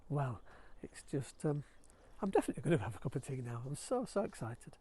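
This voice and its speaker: A middle-aged man with a Yorkshire accent, chatting excitedly to the camera while gardening outdoors at his allotment, recorded on a clip-on mic. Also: medium pitch, brisk, slight background noise. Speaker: allotment vlogger. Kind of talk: casual gardening vlog. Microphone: clip-on mic with lead.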